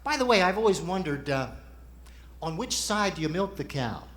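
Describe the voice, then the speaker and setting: A man's voice: high voice, sing-song, moderate pace, fairly bright tone. A man performing as a ventriloquist's straight man, asking patient, explanatory questions in a conversational stage routine.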